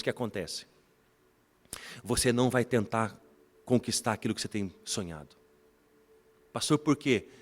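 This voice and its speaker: Animated preaching man in reverberant church. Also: medium pitch. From Brazil. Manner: animated, addresses congregation as brothers, tells family anecdotes. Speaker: bishop preaching. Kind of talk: sermon.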